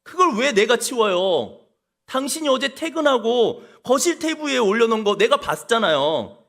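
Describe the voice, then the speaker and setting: A man's voice: very high-pitched, big pitch swings, normal speed, vocal fry, fairly bright tone, voice pushed up, full character voice. A preacher acting out a wife retorting to her husband in exasperation. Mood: exasperated. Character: exasperated wife answering back.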